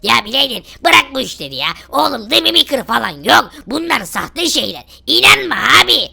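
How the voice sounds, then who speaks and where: A woman's voice: high voice, sing-song, moderate pace, creaky, sharp tone, full character voice. A woman voicing a scoffing, dismissive young poor man in a Minecraft role-play. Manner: mocking, dismissive.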